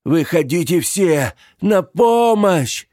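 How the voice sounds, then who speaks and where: A man's voice: medium pitch, slow, vocal fry, warm tone, no room sound, studio quality, pitched above the performer's own voice. A man voicing a frail dying old man who cries out and pleads for help. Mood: desperate cries. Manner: pleading, crying out, wheezing.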